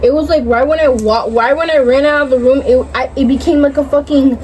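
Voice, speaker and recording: A woman's voice: sits high, steady tone, fairly quick, a little mellow, slight background noise. A young woman casually telling a dream story in a hazy, puzzled way, groping for words and swearing often.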